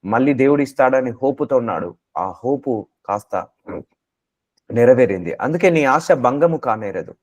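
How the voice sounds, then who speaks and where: A man's voice: medium pitch, animated, normal speed, pauses often, a little mellow. A man preaching a sermon, exhorting listeners with repeated phrases and English mixed in.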